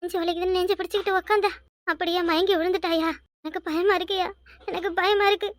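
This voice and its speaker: A woman's voice: very high-pitched, fairly even intonation, quick pace, no room sound, clean studio sound. A woman doing a wailing old village mother. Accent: Kanyakumari Tamil. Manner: loud wailing lament. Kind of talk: cartoon voice acting.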